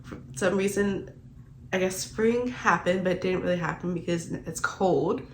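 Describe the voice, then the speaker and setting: This young book vlogger rambles casually about what she's been reading, with "like" filling much of her speech. Her stuffy, congested voice sits on the low side at normal speed, and the audio is poor, with slight background noise.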